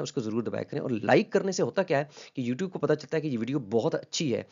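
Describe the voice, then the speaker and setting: Male lecturer, mid-pitched, patient and repetitive, lo-fi audio. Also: gravelly, a little mellow. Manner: patient, repeats key terms, checks in with "ठीक है?"; mixes English terms into Hindi-Urdu speech. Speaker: linguistics lecturer. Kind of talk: explanatory lecture. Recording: slightly dull lo-fi audio.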